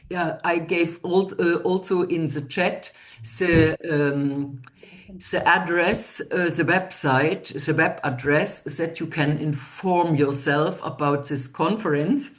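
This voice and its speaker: A woman's voice: low voice, takes it slowly. A woman presenting her project in an online webinar, speaking hesitantly with many fillers and restarts.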